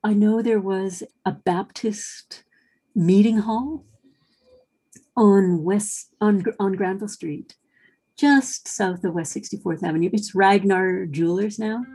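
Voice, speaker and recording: Slow, husky woman with a gravelly voice. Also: mid-range voice, mellow. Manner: hesitant, many fillers and restarts. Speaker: executive director of a historic house. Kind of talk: interview recollection.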